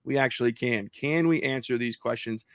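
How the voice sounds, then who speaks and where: A man's voice: medium pitch, normal speed, no room sound, clean studio sound. A man hosting a church podcast, chatting casually and with enthusiasm. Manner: laid-back, chatty, enthusiastic about food. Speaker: podcast host.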